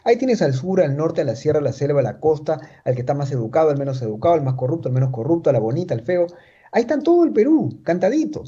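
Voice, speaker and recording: Peruvian-accented man, political analyst, dark voice, husky, emphatic, muffled lo-fi sound. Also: a little high, very animated, fast. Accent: Peruvian Spanish. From Chiclayo, Peru. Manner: emphatic, repeats points, tags lines with rhetorical questions. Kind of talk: political commentary in an interview.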